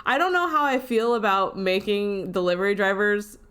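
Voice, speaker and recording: A woman in her thirties co-hosting a podcast in casual chat, animated and filling her talk with "like". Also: mid-range voice, moderate pace, clear, resonant tone. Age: 30s. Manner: animated, talky, lots of "like". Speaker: podcast co-host.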